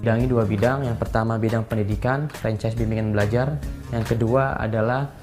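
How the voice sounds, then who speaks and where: A twenty-year-old entrepreneur with a lowish, steady voice speaks briskly in an informal interview about his business. He often tags phrases with a casual filler, and guitar music plays in the background.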